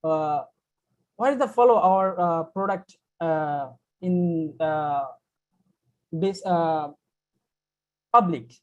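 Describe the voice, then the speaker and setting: Slow halting man with a Bangladeshi accent. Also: a little high, poor audio. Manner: slow, searching for words, many fillers. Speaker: meeting attendee asking a question. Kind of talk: halting, hesitant speech. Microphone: video call.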